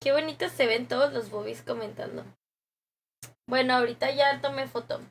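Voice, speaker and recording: Young Mexican woman, high voice, casual streamer chatting into a desk mic, reads comments aloud, laughs easily. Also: moderate pace, slight background noise. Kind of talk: casual live-stream chat with viewers. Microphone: desk microphone.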